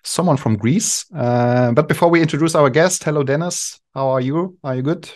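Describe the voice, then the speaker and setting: A man's voice: on the high side, normal speed. A man whose first language is German, hosting a podcast in English with hesitant phrasing and many fillers. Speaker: podcast host. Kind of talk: casual interview chat.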